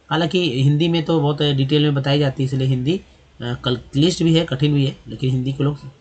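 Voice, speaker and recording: A man teaching English pronunciation, spelling words out letter by letter and asking and answering his own questions. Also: a little high. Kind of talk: explaining pronunciation.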